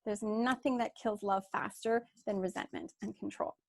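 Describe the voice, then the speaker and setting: A woman's voice: mid-range voice, fairly even intonation, moderate pace, vocal fry, a little mellow, no echo, studio quality. A woman life coach giving a candid online workshop talk, telling her story with many "you know"s and "like"s over a video call.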